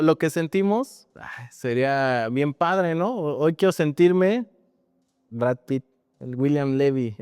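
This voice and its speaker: Mexican pastor preaching casually, keeps tossing in little questions, smooth clear voice, close dry sound. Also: male voice, a little high, no echo, in a large hall. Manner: conversational preaching with frequent tag questions. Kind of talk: sermon.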